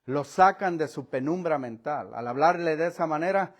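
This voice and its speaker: A high-voiced man preaching a sermon. He swings from quiet, low asides to loud, raised lines and acts out the voices of the people in the story. He laughs between points and keeps calling his listeners brother. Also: normal speed. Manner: preaching with dramatic shifts in pitch and volume, acting out voices. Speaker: pastor. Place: church.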